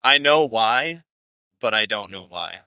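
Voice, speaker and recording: Very bright-voiced man, brief dry remarks. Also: fairly low pitch, expressive, unhurried, clean tone, no echo. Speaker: guest musician. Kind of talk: casual chat.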